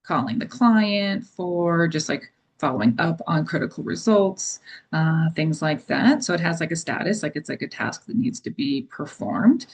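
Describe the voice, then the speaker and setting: A woman presenting software in a webinar, explaining features casually with many fillers. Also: low voice, lively intonation, moderate pace, slightly rough. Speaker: product presenter. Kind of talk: webinar demo and Q&A.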